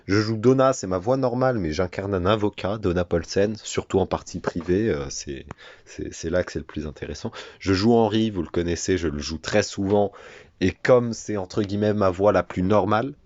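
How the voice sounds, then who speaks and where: A man's voice: sits low, normal speed, a little mellow, dry recording, highs cut off. A teenage man talking casually to his viewers, hesitant and full of filler sounds. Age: teens. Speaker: gamer and video creator.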